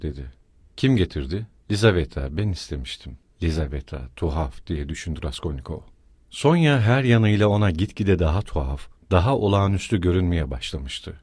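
Husky man reading a novel aloud. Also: deep voice, darkish tone, dry recording, studio quality. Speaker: audiobook narrator. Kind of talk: literary audiobook reading.

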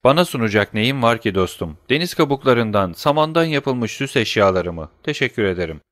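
A man voicing a grave, wealthy male count in a storybook reading, speaking in a solemn, measured way. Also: mid-range voice, lively intonation, a bit bright, no echo, clean studio sound, natural voice. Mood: intent.

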